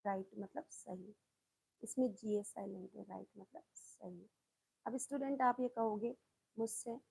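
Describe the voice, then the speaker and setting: A woman with a mellow, somewhat husky voice teaches a children's class. She explains each word patiently, spells it out letter by letter, and keeps asking her students questions. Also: on the high side, low-quality recording. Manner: asks the students questions and often adds "isn't it". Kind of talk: online class lesson.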